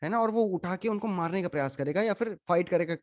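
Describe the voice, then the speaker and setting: A man's voice: high voice, fast talker. A man teaching a scripture class. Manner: questions the audience, mixes in English. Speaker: spiritual teacher. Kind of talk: Gita class lecture.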